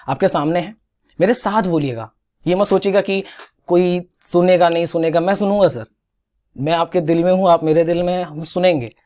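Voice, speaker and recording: A young Indian man giving an exam-prep English grammar lesson, coaxing students to repeat words after him and correcting their pronunciation. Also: fairly high pitch. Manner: animated, coaxing, drills pronunciation with repetition. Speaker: English teacher.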